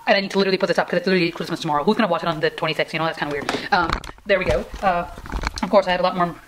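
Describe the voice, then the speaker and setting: A young woman talks at a quick clip in a slightly low voice, as if filming a casual vlog at home. She rambles in a self-deprecating way, with a melodramatic, pleading streak. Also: fairly even intonation, noisy background. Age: young adult. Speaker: vlogger. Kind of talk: casual chatty challenge vlog. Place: indoors in a room at home.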